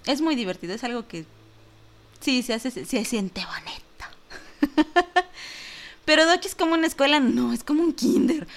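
A Mexican woman hosting a casual online show, chatting freely and laughing often as she answers listener comments. Her voice sits a little high for a woman. She fills her talk with easygoing fillers and quick jokes. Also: animated.

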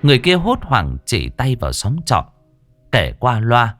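A man narrating a ghost story in an expressive, dramatic storytelling voice. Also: mid-range voice, measured pace, no room sound. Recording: dry close studio voice with music.

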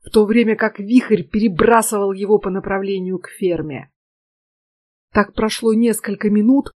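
A woman narrating an audiobook in a measured, steady way. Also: mid-range voice, no echo. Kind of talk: scripted narration.

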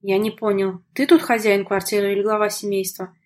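Cold and cocky young guy read by a woman, offhand and mocking, a bit husky, audiobook. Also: medium pitch, level tone, a little fast, natural voice. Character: cool, cocky young man. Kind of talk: audiobook dialogue reading.

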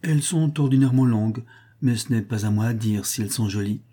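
Man reading as a proud aristocrat, cool and terse, mellow dark voice, husky, audiobook. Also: medium pitch, quick pace, lightly acted. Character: proud, reserved young rich gentleman.

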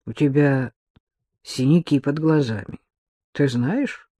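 A man voicing a gruff man who is awkward with feelings, speaking low and subdued. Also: slow pace, mellow, no room sound. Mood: quiet, awkward.

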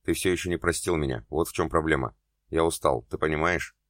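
A man's voice: extremely low pitch, fairly quick, fairly bright tone, no room sound, clean studio sound. A man voicing an adult man who is hurt and jealous but still loves his partner, speaking bitterly and pleadingly in an audiobook.

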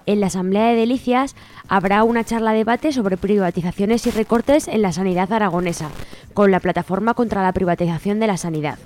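With music playing behind her, a Spanish-accented radio host reads out event announcements in a relaxed, informal way. She has a mid-range, darkish voice and talks briskly.

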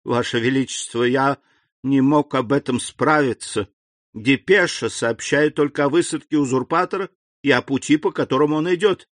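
A man's voice: mid-range voice, normal speed, no room sound, clean studio sound, lightly acted. A man voicing a panicked, groveling police minister who stammers and pleads before his king. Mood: ashamed.

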